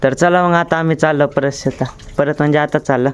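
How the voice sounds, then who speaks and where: His voice is smooth and steady as he talks fairly quickly, a young man with a rural Marathwada accent chatting through a day-in-the-life vlog. Traffic rumbles in the noisy outdoor background.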